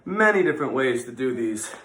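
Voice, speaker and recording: A man's voice: medium pitch, very animated, fairly quick, a bit bright. A man giving an instructional exercise demonstration as a gym teacher, informal and encouraging, repeating his instructions and raising his voice for counts. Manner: encouraging, counts repetitions aloud in raised voice. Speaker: physical education teacher. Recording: echoey room.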